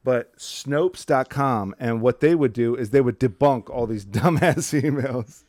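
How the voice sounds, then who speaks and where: A man's voice: mid-range voice, measured pace, a little mellow, dry recording. Profane joking man, dry close sound. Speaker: podcast co-host. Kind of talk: casual chat.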